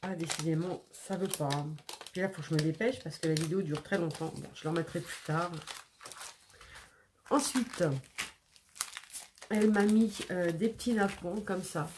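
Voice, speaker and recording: A woman hosts a casual scrapbooking vlog, talking through parcels in a lowish, unhurried voice. She hesitates often and repeats her words, sniffling now and then. A faint hiss of noise and paper crinkling sit behind her. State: sniffling after sneezing. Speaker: scrapbooking channel host.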